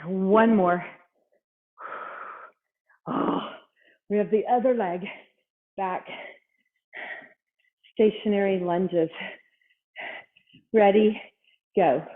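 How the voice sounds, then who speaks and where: Pausing often and speaking extremely slowly in a mid-range voice, she leads a workout while doing it herself, offering brief cues and counting reps. The audio is band-limited, like a phone line.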